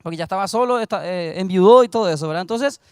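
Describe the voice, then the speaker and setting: High-voiced preacher, dry sound. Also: male voice, fast, clean tone, no echo. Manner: storytelling, builds to loud exhortation. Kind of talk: sermon.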